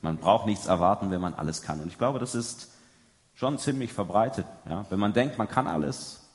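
A man's voice: fairly low pitch, expressive, normal speed. A man preaching a sermon to an audience, conversational, often tagging his sentences with a questioning "ja". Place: large hall before an audience. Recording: long hall reverb.

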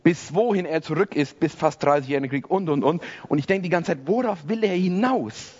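German pastor preaching, slightly muffled. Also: male voice, fairly high pitch, expressive, brisk, a little mellow, a little hiss or hum. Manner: self-deprecating humor, conversational preaching. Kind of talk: sermon. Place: church service before a congregation.

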